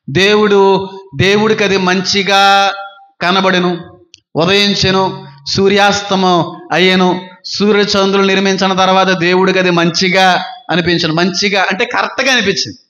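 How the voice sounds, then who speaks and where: A man preaches with a high, bright, ringing voice. He drives his points home by repeating phrases in lists and slips into other voices to act out gossip. The room adds a clear echo. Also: steady tone, brisk, dull audio. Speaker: pastor. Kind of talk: sermon.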